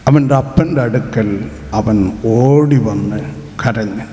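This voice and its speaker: A man interpreting a sermon live, speaking in an unhurried, earnest way. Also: medium pitch, dark tone, a little hiss or hum. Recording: roomy hall with long reverb.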